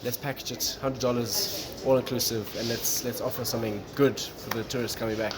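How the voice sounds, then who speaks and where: A man's voice: medium pitch, fairly quick. Man talking over coffee shop noise. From Malawi. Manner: relaxed, with many "um" and "look". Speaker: guest, tourism business owner. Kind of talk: casual interview talk. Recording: noisy coffee shop background.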